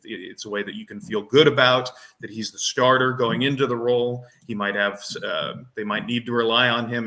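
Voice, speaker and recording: A man's voice: fairly low pitch, sharp tone. A man co-hosting a fantasy football podcast, explaining his reasoning in casual chat and thinking aloud with frequent restarts and fillers.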